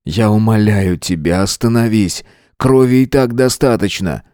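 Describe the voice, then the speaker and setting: A man's voice: lowish voice, unhurried, darkish tone, no echo, studio quality, lightly acted. A man reading an audiobook voices a middle-aged teacher who pleads desperately. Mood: pleading.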